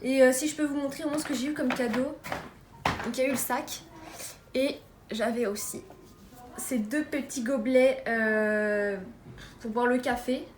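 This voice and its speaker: A young French beauty vlogger with a slightly high voice chats casually at normal speed through a beauty haul, with plenty of fillers and trailing restarts. She's recorded at home in an echoey room with steady noise behind her.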